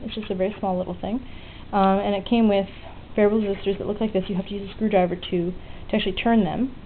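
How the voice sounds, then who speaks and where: This hobbyist tutorial features a woman talking fast in a steady, medium-pitched voice as she casually demonstrates electronics work without a script. She explains things plainly and informally. Faint noise runs under the muffled, lo-fi, phone-like sound.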